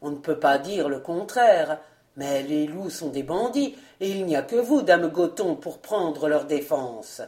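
An older steward, uneasy and careful with his words, his voice set low and measured, as a woman reader plays him. He sounds like an old courtier embarrassed in front of a new court. Storybook narration. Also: lively intonation, darkish tone. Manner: cautious, hesitant.

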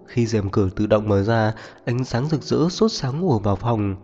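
A man reading a novel aloud as narrator at a steady pace. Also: fairly low pitch, moderate pace. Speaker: audiobook narrator. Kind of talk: scripted narration. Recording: muffled reverberant audio, faint music.

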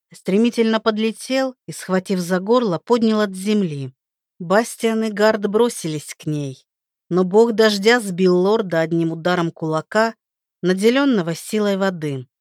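A woman narrating a fantasy story aloud in a steady storytelling manner. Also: mid-range voice, measured pace, dry recording, clean studio sound.

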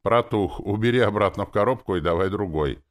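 A man's voice: lowish voice, a little fast, pitched above the performer's own voice, lightly acted. A man voicing a brusque male army captain who gives orders in short, curt phrases. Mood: gruff. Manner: curt, commanding.

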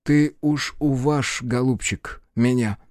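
A man's voice: medium pitch, fairly even intonation, slow, darkish tone, no room sound, studio quality, lightly acted. A man voicing a fussy, ceremonious middle-aged town official who talks politely and pleads. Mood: fussy, pleading.

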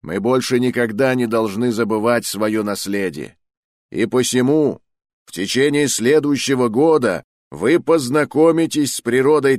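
A man doing a booming orator mentor. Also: dry recording, clean studio sound, lightly acted. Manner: thundering, declamatory speech. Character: booming adult male mentor, grand orator.

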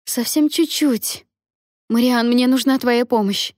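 A woman reading an audiobook voices a brisk young woman helping at a birth, urging and excited. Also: fairly low pitch, husky, dry recording, studio quality.

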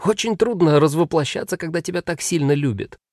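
A man's voice: on the high side, fairly quick, darkish tone, no echo, studio quality, pitched above the performer's own voice, lightly acted. A man voicing an easygoing male demon who lives as a cat, speaking in a breezy, reassuring way. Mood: cheerful.

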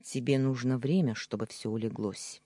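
Young man pleading read by a narrator; husky, slow, animated delivery, dry booth. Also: mid-range voice, no echo, natural voice. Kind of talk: audiobook character reading.

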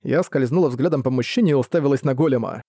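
A man narrating a first-person novel as an audiobook reader, steady and even. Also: medium pitch, fast talker, slightly rough, no room sound, studio quality.

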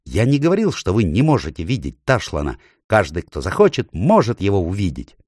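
A man does a scheming storybook ape with a high, mocking, loud voice. His pitch leaps around as he taunts and snaps orders, and the sound is close and dry. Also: huge pitch swings, a little fast, dry recording. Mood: sneering. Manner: sneering, taunting, shouting orders. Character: sly scheming male ape, mocking and shrill.

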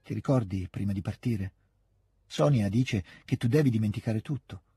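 A man voicing an excitable, earnest fifteen-year-old girl in an audiobook reading, with lively, insistent outbursts. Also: on the low side, normal speed, husky, dry recording, faint music behind.

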